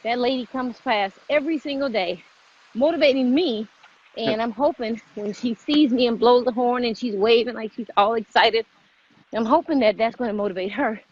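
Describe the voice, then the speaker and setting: Speaking at a moderate pace in a slightly high voice, a vlog host films a relaxed fitness video outside. She keeps pushing her audience with motivating, repeated encouragement, and the audio sounds dull.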